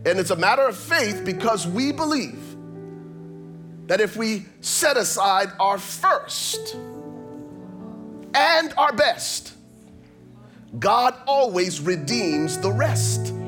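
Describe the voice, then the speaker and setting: A male pastor preaches in a slightly raised voice, emphatic and rhythmic. He often repeats words and lines them up in pairs for effect. Faint music plays quietly behind his sermon. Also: high-pitched, big pitch swings, slow, long pauses. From Liberia.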